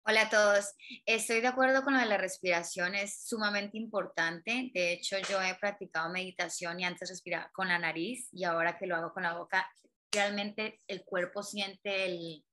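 A woman speaks up in an acting class with a bright, forward voice. She is chatty and eager as she shares how an exercise went for her. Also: mid-range voice, fairly even intonation, normal speed. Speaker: acting student. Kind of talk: sharing in an online class.

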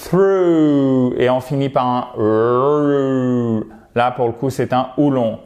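A French-speaking man teaching English pronunciation in an online lesson, lively and coaching, modeling words by repeating them. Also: mid-range voice, takes it slowly, muffled recording.

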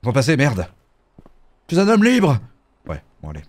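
A man commentating a horror game let's play in a jokey, animated way. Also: medium pitch, moderate pace. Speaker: gaming YouTuber.

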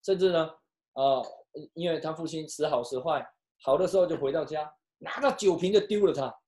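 A pastor preaching and telling a story, switching between hushed and loud delivery, with some halting restarts. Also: mid-range voice. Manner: emotional, with sharp swings from hushed to loud. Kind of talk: storytelling sermon.

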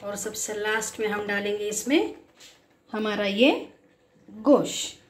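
In an echoey home kitchen, a woman hosts a casual recipe demonstration, walking through each step simply as a home cook and cooking show host. Her mid-range voice keeps a steady tone at a slow pace, with some background noise.

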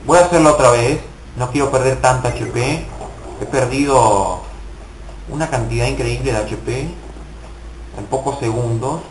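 A man's voice: mid-range voice, moderate pace, reverberant, slight background noise, poor audio. A young man casually commenting on his gameplay, swearing and mocking himself in frustrated outbursts. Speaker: gaming video host.

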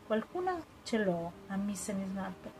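A woman reading the part of an elderly English spinster detective, gentle and hesitant, searching for her words. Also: medium pitch, very animated, measured pace, rough recording. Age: older. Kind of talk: audiobook character reading.

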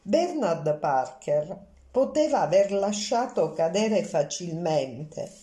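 A woman's voice: on the low side, sing-song, takes it slowly, mellow, roomy sound. A woman voicing a fussy, courteous Belgian male detective in an audiobook, speaking formally and precisely.

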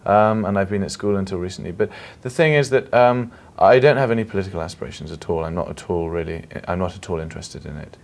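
A young man in his late teens from Scotland with a London accent, a film actor giving polite, earnest, halting answers in an interview. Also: low-pitched, creaky, a little mellow. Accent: London English.

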